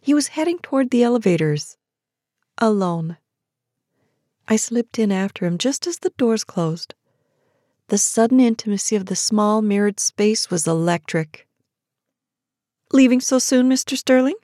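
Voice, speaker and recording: A woman narrating a first-person romance story in a slow, sultry, breathy way. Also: mid-range voice, lively intonation, warm tone, dry recording, clean studio sound.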